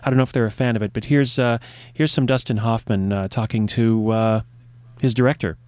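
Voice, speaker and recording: A male radio host chats in a playful, meandering way at a middling pitch. The sound is close and dry. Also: fairly even intonation, a little fast, a little mellow, no room sound. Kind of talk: casual radio chat.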